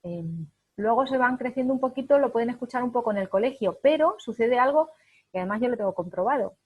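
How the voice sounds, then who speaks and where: Husky, emphatic woman teaching parents. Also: a little high, lively intonation, fast, phone-quality sound. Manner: emphatic, explains with acted examples. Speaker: parenting coach. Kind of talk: spoken parenting lesson.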